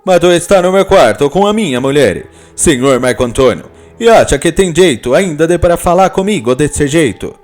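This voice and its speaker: A man voicing a jealous, hot-tempered Italian husband with an Italian accent, fast and scolding. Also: medium pitch, sing-song, faint music behind, lightly acted. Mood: angry.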